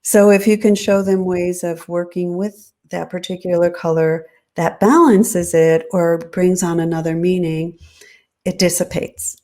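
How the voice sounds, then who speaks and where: A woman designer as an interview guest, explaining her ideas in a measured, thoughtful way. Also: fairly low pitch, fairly even intonation, dark tone. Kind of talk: interview answers.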